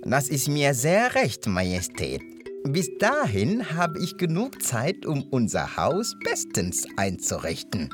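A fierce, hot-tempered hyena from a fable, played by a man, loud and forceful. His raised voice swings widely in pitch. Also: wildly swooping pitch, takes it slowly, over music. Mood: pleased. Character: fierce male hyena suitor, strong and short-tempered.

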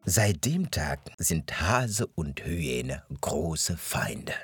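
A man narrating a fairy tale in a measured, expressive storytelling manner. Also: very deep voice, faint music behind.

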